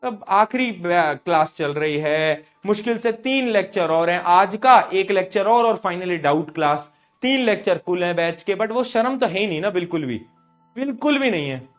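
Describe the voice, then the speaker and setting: A young man teaching a live online class while unwell with a sore throat, scolding students loudly and then dropping to a soft, low voice. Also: expressive, normal speed, soft background music. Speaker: online tutor.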